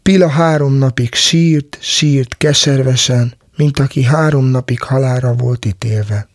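A man's voice: medium pitch, no echo, studio quality. A man narrating a folk tale as a storyteller, sometimes dropping into a whisper.

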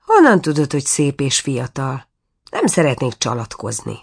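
An excitable caliph turned stork, eager and exclaiming, as a woman reading the tale puts him on. The voice rises above her low plain tone. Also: gravelly, slightly rough, heavily acted. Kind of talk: storybook reading.

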